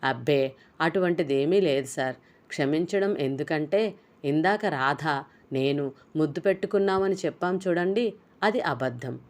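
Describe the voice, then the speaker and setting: A woman's voice: deep voice, normal speed, a little mellow, natural voice. A woman voicing a nervous young man who is sly but apologetic, talking in a hesitant, pleading way.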